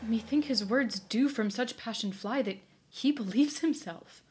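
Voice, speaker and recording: A young woman in disguise, played by a woman, speaking verse earnestly and reflectively. Her voice is fairly high and clear. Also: measured pace, darkish tone. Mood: hopeful. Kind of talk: stage play performance.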